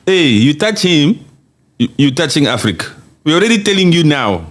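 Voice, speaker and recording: This podcast host has a fairly high voice and a moderate pace. He's chatty and emphatic as he reads viewers' comments out loud, breaking into laughter often and repeating phrases for effect.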